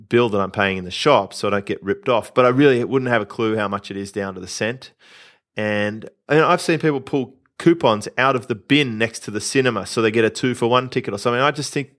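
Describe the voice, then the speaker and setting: A man from Australia hosting a casual podcast, talking confidently about business and spending. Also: mid-range voice. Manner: confident, animated storytelling with asides. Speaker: podcast host, entrepreneur coach.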